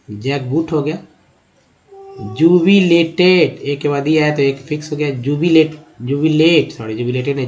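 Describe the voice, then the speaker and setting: Guy slowly sounding out english words one by one for learners, a bit high voice. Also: poor audio. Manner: drawn-out repeated words, steady drilling. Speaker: English teacher. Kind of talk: slow pronunciation lesson, reading a word list.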